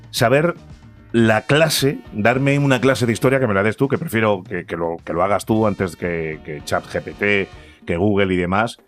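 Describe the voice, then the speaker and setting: A man hosting a podcast, jokey and quick to laugh, stumbling and repeating words when the topic turns serious. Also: mid-range voice. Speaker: podcast host. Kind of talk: casual chat.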